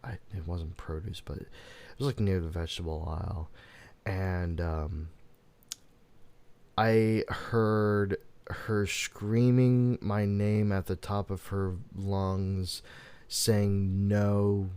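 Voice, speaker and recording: A man's voice: low-pitched, fairly even intonation, a little mellow, clean tone. A young man hosting a casual podcast, rambling through stories with frequent laughs. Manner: rambling, laughs often, tells stories slowly. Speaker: podcast host. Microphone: headphones and desk mic.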